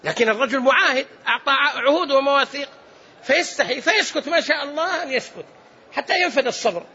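Male preacher, very high and bright, acts out the story's dialogue in his sermon, dull lo-fi recording. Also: quick pace, slight background noise. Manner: retells a tale, acting out its dialogue with dramatic shifts and chuckles.

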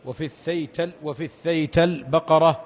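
A man reads a classical legal text aloud in a steady, formal way, pausing for his teacher. His voice sits somewhat high. A long hall reverb trails each phrase. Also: highs cut off. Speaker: student reading the text aloud.

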